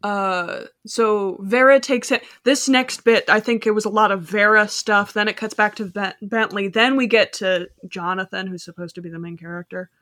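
A woman's voice: medium pitch, steady tone, normal speed, few pauses, fairly bright tone, no echo, clean studio sound. A woman hosting a casual podcast, recapping a movie's plot in a rambling way with lots of fillers. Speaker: podcast host.

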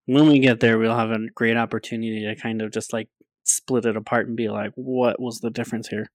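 A man's voice: fairly low pitch, little pitch movement, a little fast, dry recording. A man co-hosting a casual fan podcast, talking emphatically and repeating his points. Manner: emphatic, repeats himself, laughs often. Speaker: podcast co-host. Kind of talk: casual chat.

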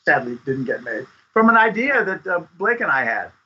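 A man giving advice as a script consultant guest in a casual interview, speaking haltingly and often repeating words. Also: on the high side, big pitch swings, pushed and bright, husky. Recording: dull lo-fi audio.

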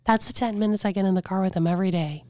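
A woman in her forties with a hoarse, weakened voice, telling her story as a podcast guest in a candid, reflective way. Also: medium pitch, racing, dark tone, no echo. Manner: earnest, reflective, breaks into faint whispers.

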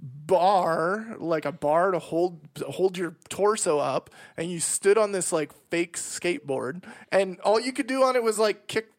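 A man with a Canadian accent in casual podcast conversation as co-host, recalling things in a halting, informal way. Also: high voice, expressive. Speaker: podcast co-host and audio engineer. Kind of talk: casual chat.

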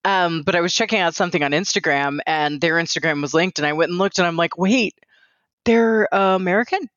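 A woman's voice: sits low, fairly even intonation, fast, fairly bright tone, no room sound. Chatty woman hosting a solo podcast. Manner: chatty and candid, with many fillers like "like" and "um". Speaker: podcast host. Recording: dry, slightly dull lo-fi sound.

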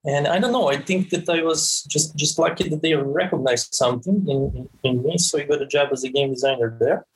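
A Serbian game creative director, a guest on a podcast interview, talks with many stammered restarts and repeated words. His fairly high, breathy-edged voice is brisk with few pauses, and the recording is rough.

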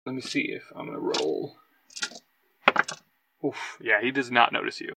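A man narrating as game master of a tabletop game, animated and quick to laugh. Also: mid-range voice, heavy background noise.

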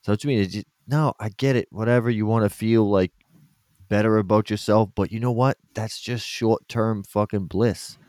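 A man's voice: fairly low pitch, steady tone, normal speed, a little mellow, no echo, clean studio sound. A man co-hosting a podcast, chatting casually, swearing a lot and laughing often. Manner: profane, laughing, boastful. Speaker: podcast co-host. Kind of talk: casual chat.

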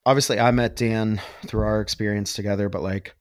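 A man's voice: lowish voice, fairly even intonation, fairly quick, no room sound, clean studio sound. A man hosting a casual podcast chat, enthusiastic and rambling, full of "like" and swearing. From Western Pennsylvania. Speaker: podcast host.

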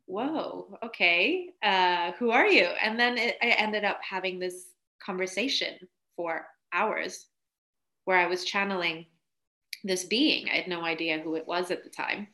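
Bright-voiced chatty woman guest. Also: on the low side. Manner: chatty, laughs often, many "like" fillers. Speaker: podcast guest, spiritual coach. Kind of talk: casual storytelling interview.

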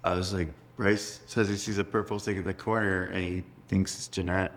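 A man's voice: deep voice, little pitch movement, normal speed. A young man telling stories as a podcast guest, rambling with lots of fillers and laughs. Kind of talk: casual storytelling chat.

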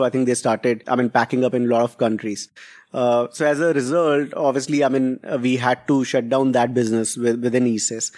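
A man's voice: medium pitch, a little mellow. A man with a North Indian accent giving conversational interview answers as a founder, switching between English and Hindi and often checking in with "right?". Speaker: interview guest, startup founder.

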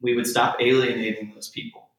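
A man from Texas, a theater-maker guest in a conversational interview, rambling with lots of "like" and restarts, getting animated as he tells stories. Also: medium pitch, fairly quick. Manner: rambling, heavy on "like", restarts often, grows animated telling stories. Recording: echoey room.

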